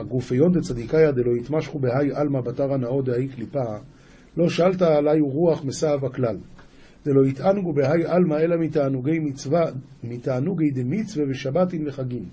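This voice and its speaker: A man's voice: medium pitch, warm tone, husky. A male rabbi teaching a daily lesson, reading an old religious passage aloud and explaining it phrase by phrase, often restarting words as he goes. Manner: reads an ancient passage aloud, then explains each phrase; frequent restarts and self-corrections.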